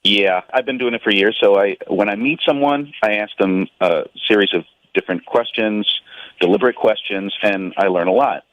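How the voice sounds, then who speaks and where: A man with a lowish voice talks over a dull, muffled phone line. He is hesitant and stammers, tripping over his words. The sound is dry with no room around it. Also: moderate pace, dry recording. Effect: heard over a phone line. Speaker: radio show phone caller. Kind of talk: on-air phone call.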